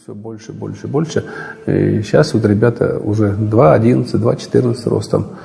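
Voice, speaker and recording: Gravelly low man in a reverberant room. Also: a little fast, warm tone, slight background noise. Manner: hesitant, with fillers. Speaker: theater founder. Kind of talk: interview.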